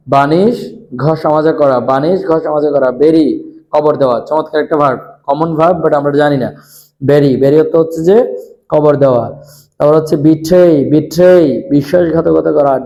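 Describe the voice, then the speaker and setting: Teacher: young Bangladeshi man, fairly high but mellow voice, drills vocabulary by listing each word and then its meaning. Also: vocal fry, highs cut off. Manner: mixes English words into explanations, repeats each word with its meaning; corrects pronunciation by saying words again slowly. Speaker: English teacher. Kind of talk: online spoken English lesson.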